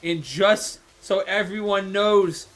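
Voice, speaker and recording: A man giving live color commentary on a fighting game match, energetic and stammering when excited. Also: high-pitched, slow pace. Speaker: esports co-commentator.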